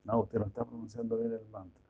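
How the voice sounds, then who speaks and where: A man's voice: lowish voice, level tone, fast. A man giving an informal devotional lecture, chatty, full of rhetorical questions and mock imitations. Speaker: devotional preacher. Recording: tinny phone-like sound.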